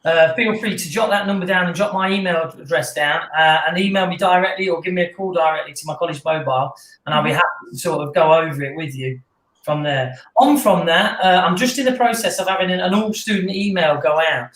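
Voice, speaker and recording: A man who coordinates a student union, explaining things in a relaxed, casual way with frequent fillers. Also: a little high, a little fast. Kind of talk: casual online panel chat. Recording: roomy echo.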